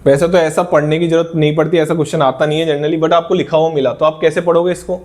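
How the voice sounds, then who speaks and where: Man teaching, slightly high voice. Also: little pitch movement, quick pace, darkish tone. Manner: coaxing, asks and answers his own questions. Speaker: chemistry teacher. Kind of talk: classroom lecture.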